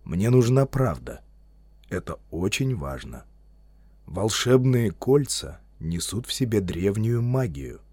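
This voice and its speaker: A grave old male wizard, as a male audiobook reader puts him on. He speaks low and measured, with a lively, shifting pitch, and grows stern and commanding. The reading is dry and close. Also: breathy edge, no echo, heavily acted. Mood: calm.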